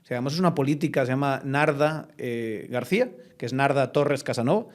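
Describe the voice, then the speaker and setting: A man hosting a podcast interview, chatty and animated, often checking in with tag questions as he talks. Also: mid-range voice, fairly quick. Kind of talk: conversational interview.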